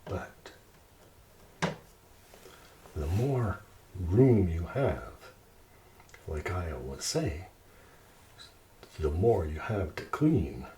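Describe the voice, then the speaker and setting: This home cooking host from Quebec, Canada has a deep, mellow voice with big pitch swings. Unhurried, he chats casually through an ASMR-style cooking video in his kitchen, talking to himself and posing questions to viewers. The recording is noisy, with a distant mic and clicks.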